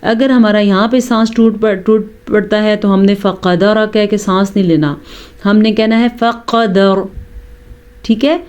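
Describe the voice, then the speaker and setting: A woman teaching tajweed. She explains each rule step by step and recites the verses slowly with long, melodic vowels. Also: mid-range voice, fairly even intonation, darkish tone, clear, resonant tone. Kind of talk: tajweed lesson.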